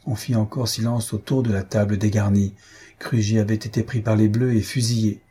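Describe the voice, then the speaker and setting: Male audiobook narrator, mellow tone, husky, measured scripted narration. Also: on the low side. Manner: measured, even storytelling.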